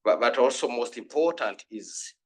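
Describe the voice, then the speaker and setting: A man from Uganda, giving an earnest, halting comment in a conference panel and often restarting his sentences. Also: medium pitch, animated, husky, low-quality recording. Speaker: panel discussant.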